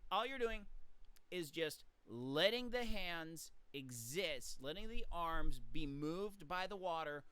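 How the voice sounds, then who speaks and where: Bright, crisp-voiced man coaching swimming. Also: a little high, no echo. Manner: chatty, coaching, counts out kicks aloud. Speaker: swim coach. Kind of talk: casual instructional talk.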